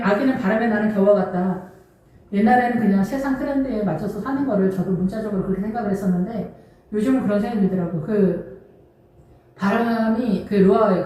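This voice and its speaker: A woman's voice: medium pitch, a little mellow. A woman pastor preaching a sermon, emphatic and conversational, full of rhetorical questions. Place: church. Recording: distant mic in an echoey church hall.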